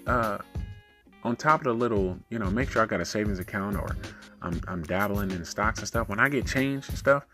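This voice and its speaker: A man hosting a casual self-help talk, giving advice in a monotone, laid-back, colloquial way. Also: fairly low pitch, fairly quick, faint music behind.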